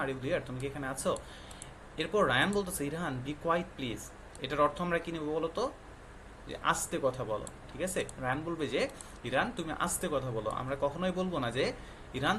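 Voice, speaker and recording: A man's voice: fairly high pitch, a bit bright, a little hiss or hum. Patient man teaching young children. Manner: patient, quizzing with frequent questions; mixes English words into explanations. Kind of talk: classroom explanation for young children.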